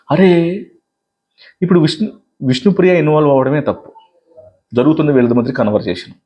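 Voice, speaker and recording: A man reviewing a reality show, recapping contestants' arguments with emphatic commentary and quoting them in a lower voice. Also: darkish tone, husky.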